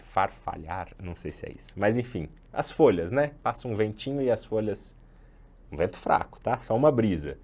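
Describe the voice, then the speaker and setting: Brazilian male instructor, lowish voice, chatty online lecture, loose explanations with self-corrections. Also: darkish tone. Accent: Brazilian Portuguese. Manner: chatty and explanatory, corrects himself mid-sentence. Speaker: sound design instructor.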